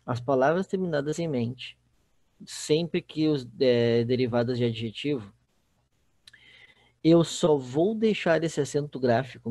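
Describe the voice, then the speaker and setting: A man's voice: mid-range voice, darkish tone, no room sound. Brazilian portuguese guy teaching online, keeps checking in w the class, dry no-room sound. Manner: explanatory, often checks in with the class. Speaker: Spanish teacher. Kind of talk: recorded online class lecture.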